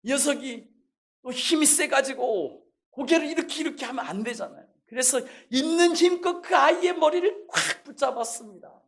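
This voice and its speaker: A man's voice: very high-pitched, animated, moderate pace, vocal fry. Impassioned preaching male pastor. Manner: builds to impassioned shouted questions; acts out quoted people in his stories. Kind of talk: sermon with storytelling.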